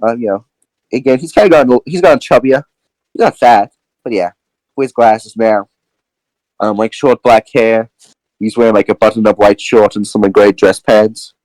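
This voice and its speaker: A man's voice: on the low side, moderate pace, long pauses, darkish tone, no echo, rough recording. A man narrating as game master in a casual, rambling way with many fillers.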